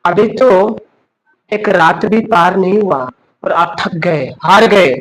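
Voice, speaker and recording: High-voiced man telling a moral story. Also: slow pace, fairly bright tone, low-quality recording. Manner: earnest, rhetorical questions. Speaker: English teacher giving a moral talk.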